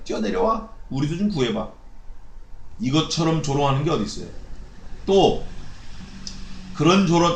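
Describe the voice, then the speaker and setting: A man preaching a sermon as pastor, animated and acting out mocking voices. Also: fairly high pitch, echoey room. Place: church sanctuary.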